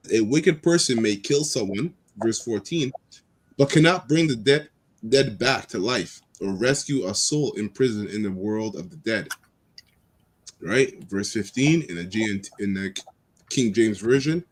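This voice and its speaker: A man leading an online bible study, reading verses slowly with stumbles and explaining them in casual speech. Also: on the low side, animated, slight background noise. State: has hiccups. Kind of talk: scripture reading and preaching to an online group.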